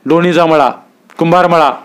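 A man's voice: on the high side, fairly even intonation, moderate pace, smooth, voice pushed up, natural voice. A man reading a story aloud, voicing a stern, commanding middle-aged village headman who gives curt orders. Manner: authoritative, issues curt orders.

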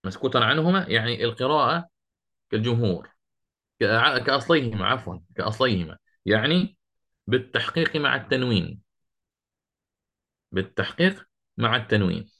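A man's voice: mid-range voice, expressive, gravelly, pushed and bright. Man teaching Quranic readings, quizzing students. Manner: explains step by step, quizzes students, recites verses slowly. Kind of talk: interactive lesson on Quranic readings.

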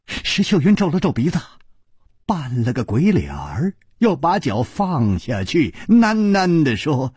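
一位男评书演员，讲述长篇故事，富于表现力。. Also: male voice, fairly high pitch, husky, no echo, studio quality. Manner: expressive, unhurried narration. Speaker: storyteller. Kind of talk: audiobook storytelling.

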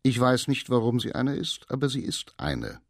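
A man voicing a cold, haughty male actor who speaks slowly, quietly and cuttingly in a radio reading. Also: mid-range voice, very animated, no room sound, studio quality. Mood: icy.

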